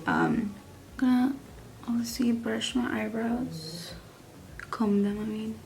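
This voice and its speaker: A woman's voice: a little high, expressive, takes it slowly, vocal fry, darkish tone. Young texas girl doing a makeup review, chatty, rambly, kinda faint noise behind. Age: young adult. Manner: chatty and rambling, with many likes and restarts. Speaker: beauty vlogger.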